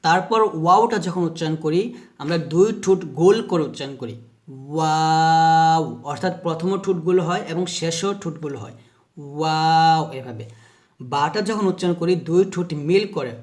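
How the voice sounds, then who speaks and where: Slow, patient male recitation teacher. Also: fairly high pitch, darkish tone. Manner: slow, repetitive teaching, demonstrating each letter sound aloud. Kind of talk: explaining Arabic letter pronunciation.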